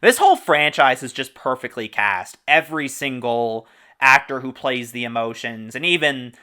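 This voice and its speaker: A man hosting a relaxed movie talk, keen to share behind-the-scenes trivia. His voice is bright and smooth, very clean in tone. He talks with easy enthusiasm and the odd laugh. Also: medium pitch. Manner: enthusiastic, informative, quick asides with laughs. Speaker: podcast host. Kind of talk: casual movie discussion.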